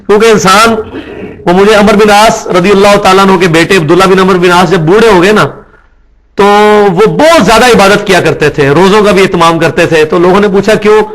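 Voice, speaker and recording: Man, religious teacher, classroom lecture, high voice, patient explaining, drops in English words. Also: a bit bright. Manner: explanatory, checks in with listeners; mixes English words into his speech.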